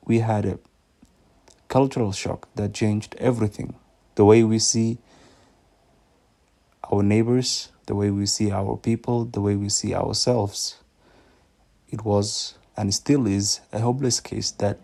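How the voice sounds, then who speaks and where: A man in his thirties from Somalia, with a Somali accent, giving an earnest, measured personal faith testimony that halts now and then. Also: lowish voice, vocal fry, mellow. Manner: earnest, measured, slightly halting. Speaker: ministry speaker.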